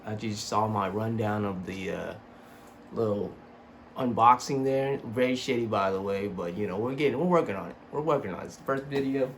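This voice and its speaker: A man's voice: lowish voice, normal speed. Sweary young man with braces, noisy recording. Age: young adult. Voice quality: slightly slurred speech from braces. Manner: sweary, self-deprecating, rambling. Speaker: sneaker reviewer. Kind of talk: casual vlog review. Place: small home room with computer desk.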